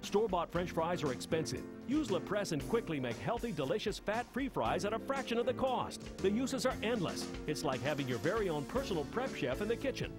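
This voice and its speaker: A man's voice: high voice, big pitch swings, brisk, hardly any pauses. A man reading a scripted product voice-over with an enthusiastic selling delivery. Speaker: infomercial narrator. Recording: music bed under voice. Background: music.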